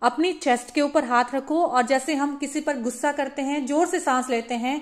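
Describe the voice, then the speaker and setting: A woman teaching a phonics lesson for parents, demonstrating each letter sound slowly. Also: sits high.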